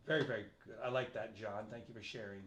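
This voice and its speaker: A middle-aged man hosting a casual livestream chat, animated and reading viewer comments aloud. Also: fairly low pitch, quick pace, a little hiss or hum. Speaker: host.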